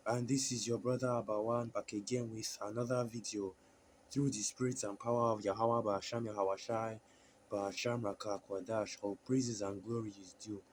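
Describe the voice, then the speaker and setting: This lowish, level-toned male voice is rasped by a sore throat as he delivers a sermon, stumbling through scripture with frequent fillers and fresh starts. A faint hiss or hum sits under the audio.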